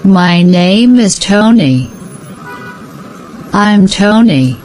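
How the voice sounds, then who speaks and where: A woman giving slow, scripted answers in a repeated language-practice dialogue. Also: mid-range voice, expressive, a little mellow, slight background noise, poor audio.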